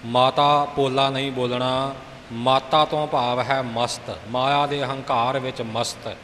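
Man, slow patient teaching voice, reverberant hall, faint hiss. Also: mid-range voice, little pitch movement, a bit bright. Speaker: recitation teacher. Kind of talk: teaching correct recitation.

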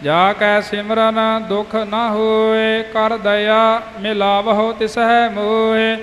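Man, high voice, very slow sung chant, steady even melody, reverberant hall, faint music behind. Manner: slow sung recitation of scripture. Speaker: kirtan singer. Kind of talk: devotional hymn chanting.

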